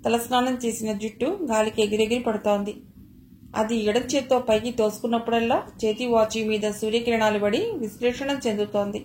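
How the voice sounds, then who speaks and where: A woman narrating an audio novel in a calm, steady storytelling manner. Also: fairly high pitch, brisk, roomy sound, slight background noise, low-quality recording.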